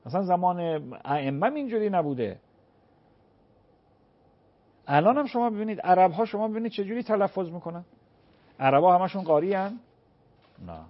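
A man with a slightly raised pitch explains religious rulings in measured, drawn-out phrases, sometimes reciting prayer words to demonstrate. The sound is a little dull and muffled, like broadcast audio. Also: lively intonation. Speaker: cleric answering religious questions. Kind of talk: call-in religious Q&A.

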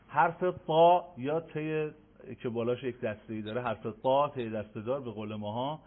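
A man teaching Quran recitation in an online lesson, slowly drilling letter sounds for listeners to repeat. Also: mid-range voice. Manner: slow, emphatic drilling of sounds for repetition. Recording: tinny phone-like audio.

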